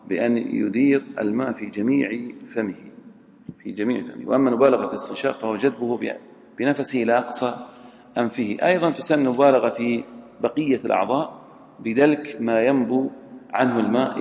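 A religious teacher with a gravelly, darkish mid-range voice reads a legal text aloud in a classroom lesson, then explains it and quizzes his students. The recording is from a roomy hall with a long echo.

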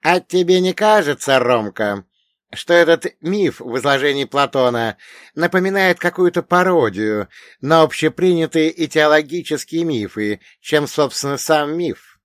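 A man's voice: on the high side, expressive, unhurried, dry recording, clean studio sound, pitched above the performer's own voice. A man voicing a learned old dead grandfather who lectures with a mocking, grumbling manner. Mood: lecturing.

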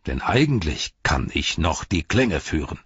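A man performs a grim old steward in an audiobook, his voice sunk low and hushed, almost breathy. He broods slowly over every line. The recording is dry and a little dull. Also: big pitch swings, dry recording, exaggerated voice. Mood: bitter. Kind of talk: audiobook character reading.

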